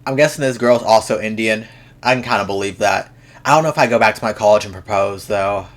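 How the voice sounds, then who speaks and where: A young man with a lowish voice hosts a reaction video at a quick pace. He rambles frankly and casually, swearing freely and restarting his sentences often.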